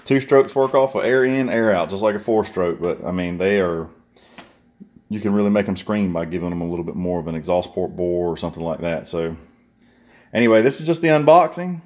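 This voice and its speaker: Filming with a handheld phone in his workshop or garage, a southern US man rambles folksily as he reviews a chainsaw he's unboxing for viewers. He speaks fairly quickly in a low, expressive voice with a darkish tone.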